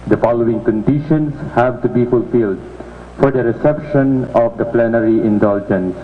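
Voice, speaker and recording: A man's voice: mid-range voice, normal speed, slight background noise. A man with a Filipino accent reading a formal religious announcement to the faithful. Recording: thin phone-like sound with music.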